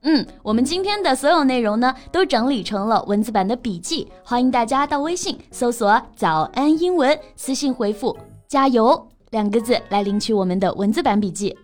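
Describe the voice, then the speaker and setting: A woman co-hosting a casual bilingual English lesson, reading English example sentences slowly and then translating them. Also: a little high, lively intonation, faint music behind. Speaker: co-host of an English lesson podcast.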